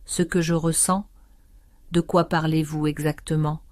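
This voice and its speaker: A bewildered young man, as a woman narrator puts him on, protesting in hesitant bursts in an audio story. The voice stays low and warm, recorded dry and close. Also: little pitch movement, measured pace, no echo. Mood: confused protesting. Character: young man, confused, defensive nephew.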